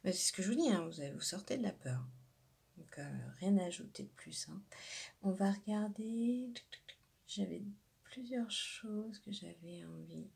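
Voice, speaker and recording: A woman's voice: medium pitch, lively intonation, normal speed, vocal fry, darkish tone, breathy edge. A woman doing an intuitive card reading for her viewers, hesitant and searching for words, often dropping into a whisper. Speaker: tarot card reader.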